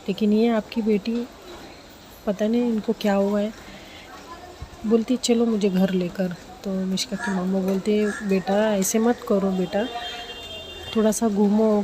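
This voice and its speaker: A woman's voice: mid-range voice, background noise. A woman casually telling a romance story, voicing all the characters in her own plain speaking voice.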